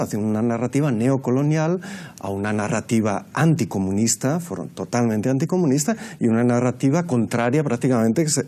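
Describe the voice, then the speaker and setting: A man speaking as a panelist in a political debate, measured and lecturing, with frequent hesitations. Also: medium pitch, dark tone. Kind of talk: analytical debate commentary.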